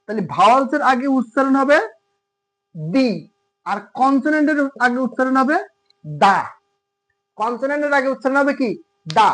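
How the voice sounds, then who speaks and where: A man's voice: very high voice, fast, a bit bright. A man teaching English grammar in Bengali, explaining patiently and asking his students rhetorical questions. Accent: Khulna Bengali. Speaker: English tutor. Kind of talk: classroom grammar lesson. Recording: tinny phone-like audio.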